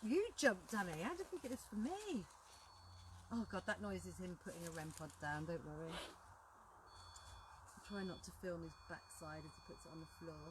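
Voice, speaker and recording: A woman's voice: lowish voice, lively intonation, normal speed, pauses often. A woman chatting casually to viewers as co-host of a paranormal live stream in the woods, with a wry, bantering way of talking. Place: outdoors in woods at night. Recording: noisy handheld live stream outdoors.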